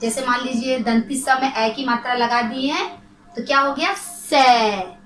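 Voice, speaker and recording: A woman teaching a children's grammar lesson, drawing out syllables slowly and answering her own questions. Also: high-pitched, fairly even intonation, a bit bright, echoey room, poor audio.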